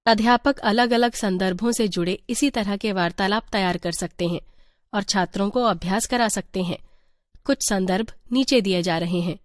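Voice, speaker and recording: A woman reading a teacher's guide aloud in an even, measured voice. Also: mid-range voice, no echo, studio quality. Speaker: textbook reader.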